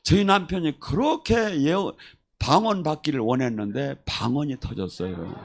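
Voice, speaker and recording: Animated male preacher telling stories. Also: fairly high pitch, moderate pace, vocal fry. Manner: animated storyteller who acts out quoted voices. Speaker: pastor. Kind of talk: sermon with testimony stories.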